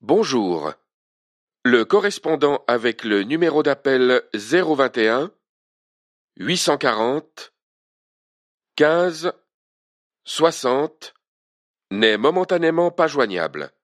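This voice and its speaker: A man giving a formal, measured answering machine greeting in a scripted voicemail announcement. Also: mid-range voice, very animated.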